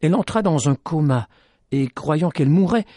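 A man hosting a radio program, reading a story aloud in a measured, dramatic way. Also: a little high, expressive, mellow, no room sound, studio quality. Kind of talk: scripted story narration.

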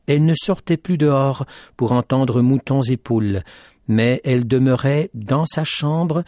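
A man hosting a radio program, reading a story aloud in a measured, dramatic way. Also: medium pitch, mellow, no echo, clean studio sound. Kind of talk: scripted story narration.

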